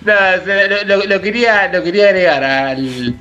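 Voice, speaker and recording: A man with an Argentine accent telling a work story in casual chat, halting and restarting his words. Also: sits high, pushed and bright, dull audio. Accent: Argentine Spanish. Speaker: podcast co-host.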